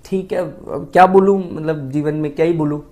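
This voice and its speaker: A man's voice: on the high side, normal speed. Chatty man telling a funny story. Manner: chatty, with frequent rhetorical asides to listeners; self-mocking, animated delivery. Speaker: motivational speaker. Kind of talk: humorous storytelling talk.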